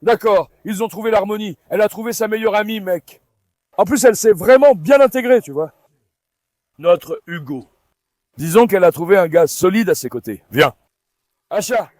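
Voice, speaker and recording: A man talking casually in a vlog while coaxing and calming his dogs on a farm. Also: high voice, normal speed, no room sound. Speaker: farm dog owner and vlogger.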